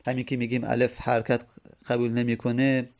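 Man teaching grammar with a gravelly voice. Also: mid-range voice, completely flat delivery, a little mellow. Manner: explains step by step, repeats key phrases; sounds out vowels to demonstrate. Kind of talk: Arabic grammar lesson.

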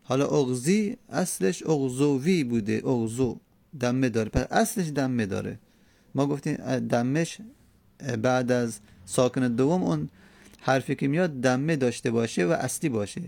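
Gravelly-voiced man teaching grammar. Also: mid-range voice, animated, darkish tone, dry recording. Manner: patient, repeats examples, rhetorical questions. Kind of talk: classroom lesson explaining grammar rules.

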